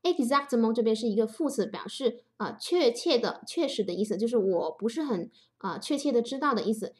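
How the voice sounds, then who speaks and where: A woman's voice: fairly high pitch, animated, fairly quick. A woman teaching French grammar in Chinese, explaining each sentence patiently and step by step. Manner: patient, adds soft sentence-final particles.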